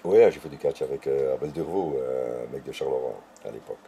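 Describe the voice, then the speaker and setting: Un homme âgé à l'accent belge qui raconte ses souvenirs avec entrain, en imitant les dialogues. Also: male voice, a bass voice, fairly quick, a little hiss or hum. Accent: Belgian French. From Belgium. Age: older. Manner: animated storyteller who acts out dialogue. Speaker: interviewee. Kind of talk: casual storytelling interview.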